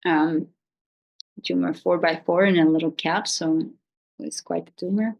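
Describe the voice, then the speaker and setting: A woman with a fairly low voice and plenty of vocal fry hosts an informal video. She speaks unscripted in a gently consoling way, often hesitating and letting thoughts trail as she searches for words. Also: steady tone, moderate pace, muffled recording. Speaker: video host giving pet-loss advice. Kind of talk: informal, unscripted talk to viewers.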